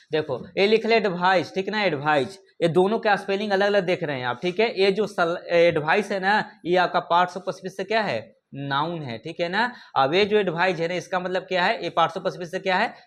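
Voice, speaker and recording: A man's voice: high voice, a bit bright. A man teaching an English vocabulary lesson, who keeps asking his learners questions and checking that they follow. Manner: repeats "ठीक है ना" and asks rhetorical questions; addresses learners familiarly. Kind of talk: classroom lesson explaining vocabulary.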